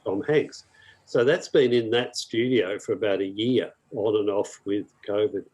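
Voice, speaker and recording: An older Australian man, a podcast guest, talking in a relaxed, informative way. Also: fairly low pitch, measured pace. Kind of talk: casual interview talk.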